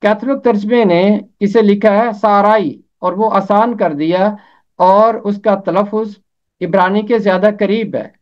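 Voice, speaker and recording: A man teaching a pronunciation lesson, slowly spelling out vowel marks and repeating each name. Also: high-pitched. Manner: slow, careful spelling out of diacritics and repeated names. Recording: dull lo-fi recording.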